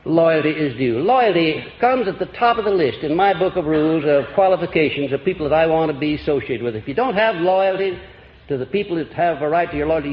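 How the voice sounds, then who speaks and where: A man giving a folksy motivational seminar lecture on an old archival recording, chuckling and quizzing his audience. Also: high voice. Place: lecture hall before a live audience. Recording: echoey, dull old lecture-hall tape with faint hiss.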